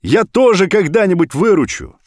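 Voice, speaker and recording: A man voicing a desperate middle-aged father who pleads and shouts down a phone. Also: high-pitched, very animated, moderate pace, dry recording, clean studio sound, voice pushed up. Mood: pleading loudly.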